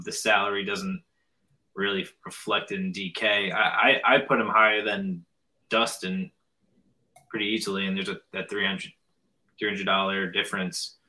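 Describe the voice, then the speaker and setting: A man with a slightly low but very bright, sharp voice gives his picks on a casual golf betting podcast. He talks hesitantly, repeating words and padding his sentences with fillers. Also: flat delivery, moderate pace, low-quality recording. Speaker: podcast co-host. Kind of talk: casual sports betting chat.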